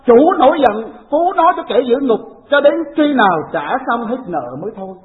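A woman, preaching a sermon in an animated storytelling way and asking the congregation questions. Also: fairly high pitch, normal speed. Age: 40s. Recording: tinny phone-like recording.

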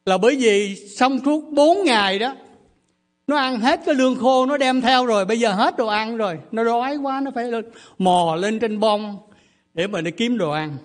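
Man, pastor, high voice, earnest sermon storytelling, faint mains hum. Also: animated, normal speed.

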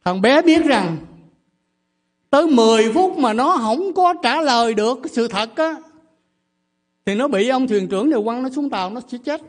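A high-pitched man delivers a sermon, telling a moral story in an earnest preaching voice. A faint electrical hum sits under the recording. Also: lively intonation, moderate pace, pauses often. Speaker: pastor.

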